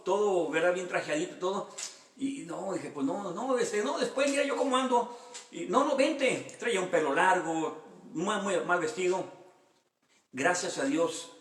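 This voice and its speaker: A man's voice: high-pitched, a bit bright, roomy sound. A man, a pastor giving a sermon with his own testimony, earnest and repeating phrases for emphasis. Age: 50s.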